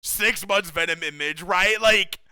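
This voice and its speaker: A young man chatting casually with his stream viewers, excitable and slangy, saying "bro" a lot and laughing often. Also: high voice, measured pace, clean tone, no room sound.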